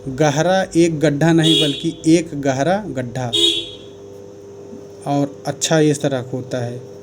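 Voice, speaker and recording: A man's voice: a little high, fairly even intonation, takes it slowly, background noise. A man giving a grammar lesson, working through sentences one by one and correcting each. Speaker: teacher.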